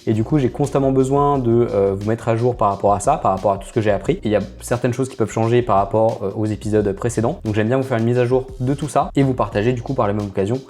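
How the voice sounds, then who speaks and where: A chatty man walks viewers through his screen, speaking in a relaxed, mellow, darker tone. He hesitates often and fills pauses with filler sounds, with soft music faintly underneath. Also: medium pitch. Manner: hesitant, full of filler "euh"; chatty, addresses viewers directly. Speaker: trading channel host. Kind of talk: casual screen-share commentary.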